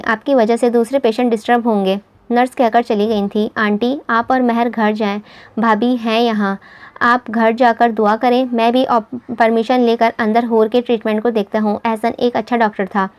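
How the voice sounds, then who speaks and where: A woman's voice: a little high, level tone, normal speed, darkish tone. A woman narrating a romance novel, voicing every character herself and rising for anguished dialogue. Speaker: audiobook narrator. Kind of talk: reading a romance novel aloud.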